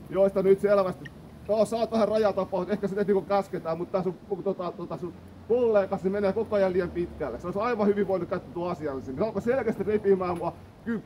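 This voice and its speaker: Man, indignant, insistent, high voice, phone video argument with police, faint background noise. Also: dark tone, low-quality recording. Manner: insistent, indignant, demands reasons. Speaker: man filming his own confrontation with police. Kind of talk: argumentative live-streamed confrontation. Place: swimming hall entrance and grounds.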